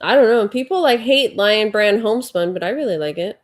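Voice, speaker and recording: She speaks in an expressive, medium-pitched voice at a fairly quick pace. Congested and sniffing, this woman in her forties runs a casual livestream at home, going over viewer comments and rambling chattily with plenty of fillers.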